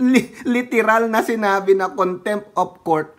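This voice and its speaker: A man's voice: sits high, unhurried. A man from the Philippines giving casual political commentary, mocking his targets, laughing often and using polite fillers.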